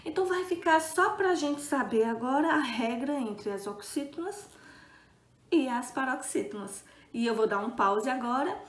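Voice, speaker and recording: A woman's voice: high voice, expressive, moderate pace, echoey room. A woman teacher giving a recorded video lesson, patient and checking in often with her students.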